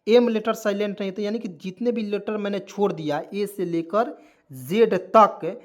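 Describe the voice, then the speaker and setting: A man's voice: high voice, moderate pace. A man with a Hindi-speaking Indian accent, a teacher giving a pronunciation lesson, repeating words and answering his own questions. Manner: repetitive, drills words aloud, asks and answers own questions. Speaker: English teacher. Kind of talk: classroom lesson explaining pronunciation.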